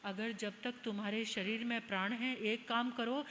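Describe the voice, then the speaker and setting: A woman's voice: on the high side, steady tone, unhurried, a bit bright, long reverb tail, a little hiss or hum. A woman voicing a group of frightened young male companions, urgent and pleading. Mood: alarmed.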